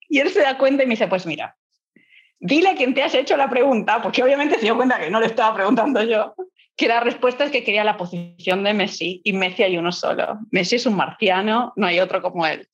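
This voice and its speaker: A woman guest telling a lively anecdote in a podcast interview, acting out the dialogue and laughing often. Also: on the high side, highs cut off. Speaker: guest, business executive. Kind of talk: conversational anecdote.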